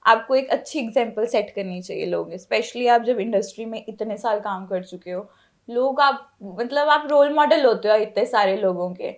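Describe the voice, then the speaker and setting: A woman's voice: on the high side, normal speed. A young woman speaking as an interview guest, chatting casually and animatedly, laughing as she tells stories, mixing in English phrases. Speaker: interview guest, friend of a contestant. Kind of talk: casual interview chat in Hindi with English mixed in.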